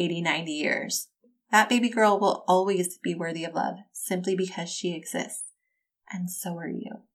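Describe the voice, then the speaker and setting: A woman talks straight to her listeners as a life coach. Her delivery is encouraging and conversational, set at a medium pitch. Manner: warm, encouraging, conversational, addresses listeners as y'all. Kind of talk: self-help talk to listeners.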